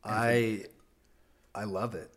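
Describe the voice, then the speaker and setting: A man's voice: fairly low pitch, steady tone, very slow. A young man co-hosting a podcast, chatting casually in laid-back slang and laughing often. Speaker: podcast co-host. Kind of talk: casual chat.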